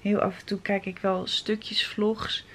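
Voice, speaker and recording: A young woman chatting casually to camera in a home vlog, now and then switching to a high sing-song voice for her baby. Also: little pitch movement, takes it slowly, fairly bright tone, breathy edge. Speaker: vlogger.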